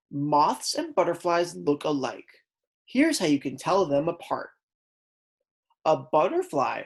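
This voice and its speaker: In a low voice, a woman kindergarten teacher reads a lesson aloud to young children. She explains words simply and prompts her pupils along the way.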